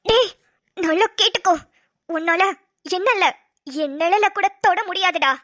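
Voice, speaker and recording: A woman voicing a frightened but defiant young heroine in a cartoon, with a squeaky, tearful manner. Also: moderate pace, bright, forceful tone. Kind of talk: cartoon voice acting.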